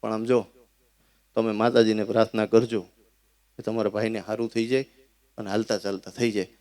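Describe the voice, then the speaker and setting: A man voicing a devout, worried wife who speaks in a hushed, low, earnest way. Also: little pitch movement, fairly quick, no echo, close to an everyday voice. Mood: hushed pleading. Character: worried wife, soft-spoken, devout and pleading.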